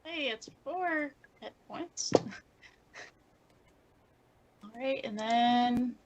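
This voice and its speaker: A woman playing in a tabletop game, talking quietly and hesitantly. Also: fairly high pitch, slight background noise, low-quality recording. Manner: slow, hesitant, quiet speech. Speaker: player. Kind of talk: casual game chat.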